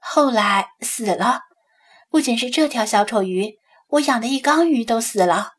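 A woman voicing a rueful young reporter, breathy. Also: fairly high pitch, expressive, moderate pace. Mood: somber.

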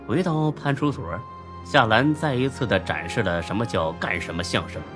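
A man narrating an urban novel as an audiobook, telling it in a lively, wry storytelling manner. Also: lowish voice, moderate pace. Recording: faint background music.

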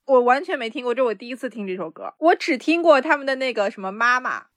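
Woman, podcast guest, high voice, lively pitch, quizzical, faint music behind. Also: fast. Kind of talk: casual chat.

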